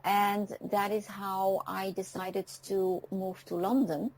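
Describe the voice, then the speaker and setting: A woman's voice: medium pitch, little pitch movement, darkish tone, low-quality recording. A woman in her fifties from France, whose first languages are French and Dutch, speaking as a guest on an internet radio show. She talks in a reflective way and often stops to say "um.". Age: 50s. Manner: reflective, pausing often with ums.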